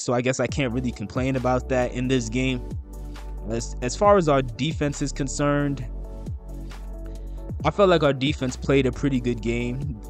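Man of middle pitch as a fan-channel host, chatty postgame breakdown over faint background music. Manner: fast, chatty, fillers and restarts. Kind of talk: casual postgame commentary.

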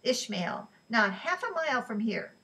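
A woman's voice: a little high, very animated, unhurried, fairly bright tone, far from the mic, exaggerated voice. A woman voicing an anxious, fussing son. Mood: urging. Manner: pleading, fussing. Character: anxious protective middle-aged son.

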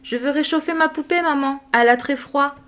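A woman voicing an excitable little girl in a storybook reading, pleading in a high, breathless voice. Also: fairly quick. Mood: tearful, insistent.

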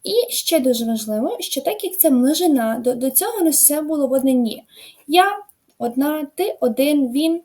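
A woman's voice: sits high, lively intonation, moderate pace, warm tone. A woman teaching a beginner English lesson online, explaining step by step in a patient way with frequent filler sounds. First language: Ukrainian.

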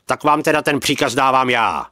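A man's voice: lowish voice, very animated, no echo, clean studio sound, heavily acted. A man reading the lines of an angry male prison commander in an audiobook, bossy and raised. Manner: shouting, bossy.

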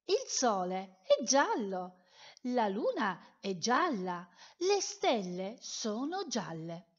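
A jolly, playful male color from a children's storybook chatters happily in a lively, sing-song voice, as a woman puts him on. The pace is slow and the sound slightly dull. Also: fairly high pitch, heavily acted. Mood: cheerful. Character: cheerful, giggling male yellow color.

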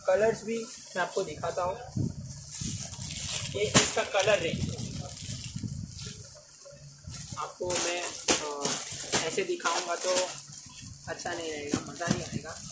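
In a small textile shop with a noisy background, a young adult man with a high-pitched voice vlogs casually. He shows sarees to viewers, chatting and joking and calling them "guys" in this easygoing product showcase.

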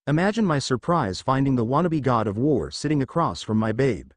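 A man's voice: medium pitch, big pitch swings, fairly quick, dry recording, natural voice. A man voicing a cocky young male demon fighter, with a smug, teasing drawl.

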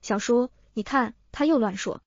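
A soft, tearful teenage girl, clingy and pouting, as a woman narrator puts her on. A fairly high voice, heard dry in a dull lo-fi storybook recording. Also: normal speed, dry recording.

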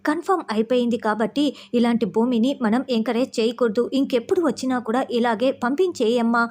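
A woman's voice: fairly high pitch, fairly quick, a little mellow, lightly acted. A woman voicing a furious young man. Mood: angry. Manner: harsh, accusing questions. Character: angry young man scolding his former love.

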